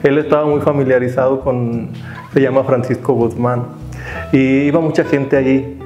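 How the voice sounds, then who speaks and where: A man's voice: medium pitch, steady tone, normal speed, mellow. A man in his fifties from Mexico, reflectively telling the story of his life as an artist and teacher. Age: 50s. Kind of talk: personal testimony interview. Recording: roomy, slightly dull sound with guitar music behind.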